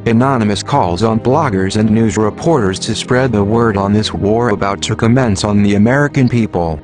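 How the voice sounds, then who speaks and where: A disguised, computer-generated male voice sits a little low in pitch. It reads a scripted manifesto as an anonymous announcer, in an even, mechanical recitation. Soft music plays faintly behind it. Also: normal speed.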